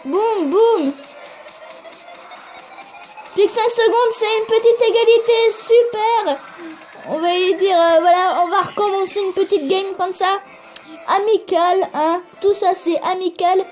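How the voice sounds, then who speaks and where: Woman, very high voice, excitable gameplay commentary, swears a lot, faint music behind. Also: a little slow. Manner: excitable, swears, urges on the game aloud; addresses viewers directly. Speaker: gaming video creator.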